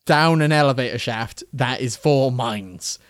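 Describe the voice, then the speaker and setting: A man's voice: mid-range voice, a little slow, no room sound, clean studio sound. A young man hosting a podcast, chatting casually and playfully, often laughing. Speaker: podcast host. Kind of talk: casual chat.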